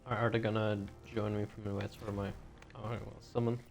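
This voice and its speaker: A man's voice: on the low side, level tone, fast, vocal fry, a little mellow. A man streaming a video game, talking casually and rambling with frequent stutters while feeling a little sick. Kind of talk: casual gameplay commentary.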